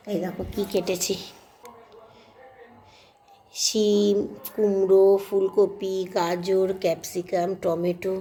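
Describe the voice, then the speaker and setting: A middle-aged woman, hoarse from a cold, chatting homely to her viewers as friends in a casual kitchen vlog. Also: medium pitch, a little mellow, reverberant. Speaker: vlogger. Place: home kitchen.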